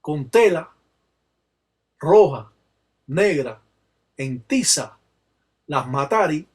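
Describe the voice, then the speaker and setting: Cuban man, religious teacher, husky voice, unhurried and solemn. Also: on the high side, animated. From Cuba. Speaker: Palo Mayombe religious teacher. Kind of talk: slow explanatory talk.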